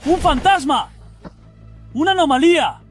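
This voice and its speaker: A man voicing an arrogant, excitable, money-hungry young man in an anime. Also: on the high side, normal speed, over music. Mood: alarmed.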